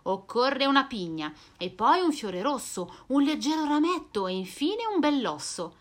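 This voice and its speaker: A woman reading a rhyming children's storybook aloud, expressive and sing-song. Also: sits high, measured pace.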